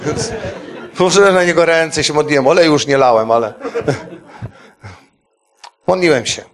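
A middle-aged man preaching, telling an emotional testimony story to a congregation in an animated way. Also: on the high side, measured pace. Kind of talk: testimony sermon.

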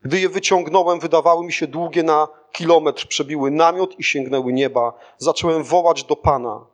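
A man narrates a first-person spiritual testimony in an earnest, steady reading. His voice sits a little higher than most men's, and the telling is scripted rather than spoken off the cuff. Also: moderate pace. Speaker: audiobook narrator.

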